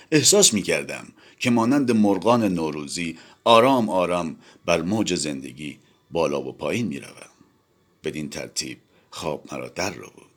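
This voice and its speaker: A man narrating a novel aloud in a dramatic, expressive reading. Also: extremely low pitch, husky. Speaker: audiobook narrator. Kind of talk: scripted literary narration.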